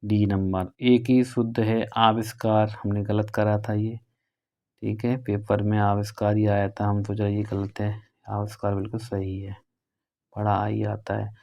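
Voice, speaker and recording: Male exam-prep tutor, northern Indian Hindi, brisk and conversational, smooth mellow voice. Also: on the low side, little pitch movement. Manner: brisk and conversational, drawing out key words. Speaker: teacher. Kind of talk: exam prep lesson going through questions.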